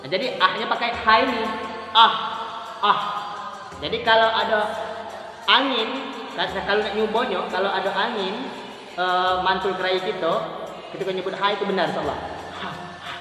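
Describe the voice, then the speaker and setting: A man teaches Quran reading in a relaxed, jokey way, with a high, bright and forceful voice. He stretches out letter sounds to demonstrate them. He stands far from the mic in a big echoey hall, with faint music underneath. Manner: joking, drawn-out letter demonstrations. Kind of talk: casual spoken lesson.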